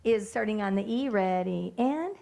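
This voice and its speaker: In a school board meeting room, a woman music teacher walks her students through a piece and gives them directions in brisk, directive teacher talk. Her medium-pitched voice is expressive, gravelly, and warm, with a little hiss or hum on the recording.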